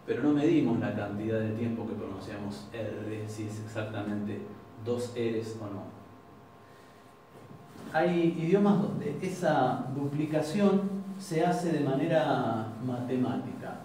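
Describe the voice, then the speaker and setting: A man with an Argentine Spanish accent teaching an informal language class, explaining patiently and repeating example words slowly. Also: medium pitch, lively intonation, mellow. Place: university classroom. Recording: very echoey classroom, far from mic, faint noise.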